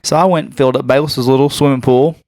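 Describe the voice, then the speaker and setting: A man's voice: mid-range voice, fast talker, no room sound, clean studio sound. A man, co-hosting a podcast and telling a story in an exasperated rant. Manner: animated storytelling, rising to loud exasperation. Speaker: podcast co-host. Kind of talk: casual ranting chat.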